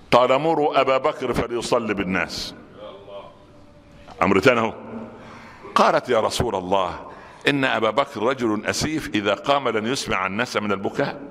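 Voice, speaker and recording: Fast-talking Egyptian preacher in echoing hall. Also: male voice, mid-range voice. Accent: Egyptian Arabic. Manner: colloquial and animated, rising to sudden shouts. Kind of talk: Friday sermon. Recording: long hall reverb.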